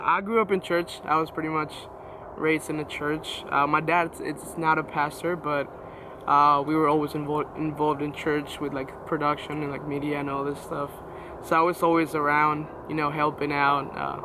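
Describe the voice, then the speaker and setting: With noise in the background, a guest tells his personal faith story in a relaxed way, his voice on the high side. He is nineteen, from Venezuela, speaks Spanish natively with a Venezuelan accent, and keeps stopping to restart or fill gaps.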